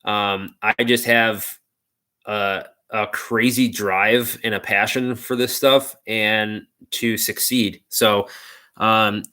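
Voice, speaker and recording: A man's voice: fairly low pitch, steady tone, slow pace, bright, forceful tone, clean tone. A young man hosting a live car stream, chatting loosely and rambling with lots of "like" and "dude.". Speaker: car channel host. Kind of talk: casual live stream chat.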